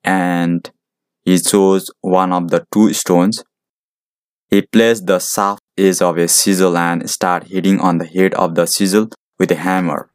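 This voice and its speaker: Low-voiced man narrating a moral story. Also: little pitch movement, unhurried, no room sound, clean studio sound.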